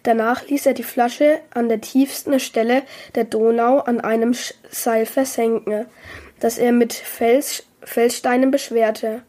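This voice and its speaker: A woman's voice: fairly high pitch, fairly even intonation, unhurried, warm tone. A woman reading a children's story aloud in a plain manner.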